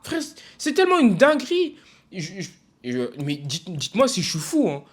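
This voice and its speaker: A young man from France vents in a casual video rant, his voice sitting slightly high. He talks in an emphatic, frustrated way, stumbling over fillers and restarting his sentences. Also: wildly swooping pitch, normal speed, husky. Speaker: football vlogger.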